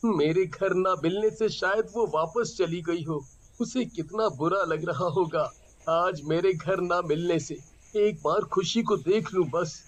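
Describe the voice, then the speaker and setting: A man voicing a gentle young brother who is now a ghost in a cartoon story, soft and mournful. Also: high-pitched.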